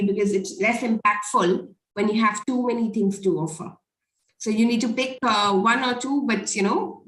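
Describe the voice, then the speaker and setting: A woman hosting an online business networking meeting, moderating and coaching the speakers in a brisk, directive way. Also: mid-range voice, fairly bright tone, roomy sound, poor audio. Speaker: host of a business networking call.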